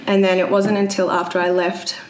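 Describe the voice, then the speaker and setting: A woman in her twenties from Brisbane, Australia, speaks briskly in a fairly low, level voice with a Queensland accent. As an interview guest, she tells her personal story casually and a little hesitantly. The recording has roomy echo and audible background noise.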